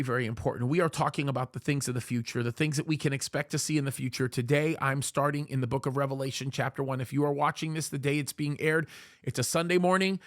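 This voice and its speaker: A man's slightly high voice carries a pastor's emphatic preaching commentary to camera as he pleads with viewers and repeats phrases for weight. Arabic is his second language; English is his first. The clean studio recording has no echo.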